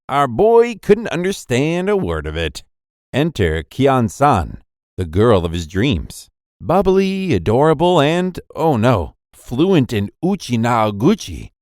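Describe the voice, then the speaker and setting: Lively, playful male recap narrator. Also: mid-range voice, no echo, studio quality. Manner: playful, jokey storyteller. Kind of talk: scripted anime recap narration.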